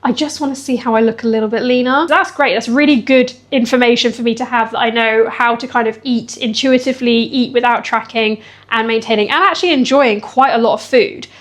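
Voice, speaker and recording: A woman's voice: fairly high pitch, steady tone, a little fast. Chatty woman, fitness vlog. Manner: chatty, emotional, laughs often. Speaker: fitness vlogger.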